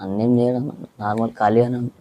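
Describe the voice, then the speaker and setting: A man's voice: mid-range voice, level tone, a little fast, mellow. A young man, giving short, subdued, mumbled answers as an interview guest. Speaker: interview guest, reel maker.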